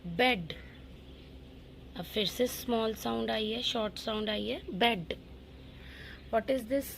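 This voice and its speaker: A young woman teacher with an Indian English accent draws out every word very slowly in a sing-song voice for small children. Her voice has a gravelly, creaky edge, and a faint hiss of noise sits behind it. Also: on the high side. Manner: slow, sing-song drawn-out words with frequent questions. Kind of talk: phonics lesson for young children.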